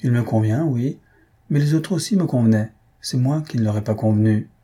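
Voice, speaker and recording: A husky-voiced man reading aloud, voicing an eager, impulsive young woman in a storybook. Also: mid-range voice, a little fast, mellow, close to an everyday voice. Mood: hopeful.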